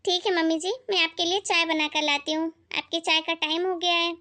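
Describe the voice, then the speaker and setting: A woman voicing a dutiful young daughter-in-law in an animated family skit, respectful and soft-spoken. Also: very high voice, a little fast.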